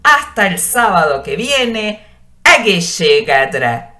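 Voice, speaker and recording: A woman giving a radio language lesson, patiently explaining and slowly drawing out each word she teaches. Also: medium pitch, sing-song, sharp tone. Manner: slow, drawn-out pronunciation of words; patient explaining with rhetorical questions.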